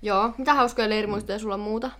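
A woman's voice: medium pitch, steady tone, fairly bright tone. A young woman co-hosting a podcast, chatting casually and leading the questions. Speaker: podcast co-host. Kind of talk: casual tipsy chat.

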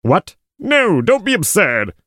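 A man's voice: sits high, wildly swooping pitch, slow pace, fairly bright tone, no echo, exaggerated voice. A man playing a dry, secretive schemer in a comic audio drama, formal, terse and disapproving. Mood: irritated.

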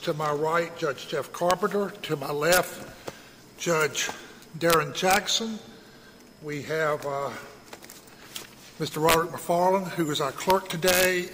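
A man presiding as a judge, speaking formally and haltingly as he questions counsel in court. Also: on the high side, pushed and bright. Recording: echoey hall with faint noise.

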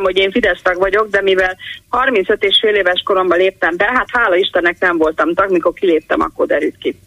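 Bright-voiced older woman rambling on a call. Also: mid-range voice, dry recording, muffled recording. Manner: rambling, digressive storytelling with many restarts. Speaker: caller, retired teacher. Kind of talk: call-in radio chat.

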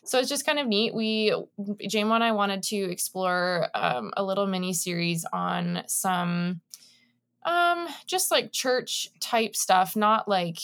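A woman's voice: mid-range voice, expressive, slow, a bit bright. A woman in her thirties co-hosting a podcast, chatting casually and informally in a rambling way as she introduces a guest. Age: 30s. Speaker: podcast co-host.

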